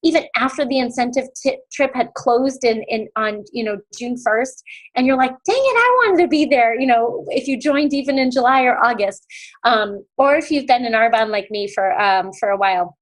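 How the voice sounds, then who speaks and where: Her pitch sits on the high side with fairly even intonation and a moderate pace, heard through rough call audio. She's an American woman in her forties, a guest on a sales team call, offering casual motivation with gushing enthusiasm and plenty of filler words.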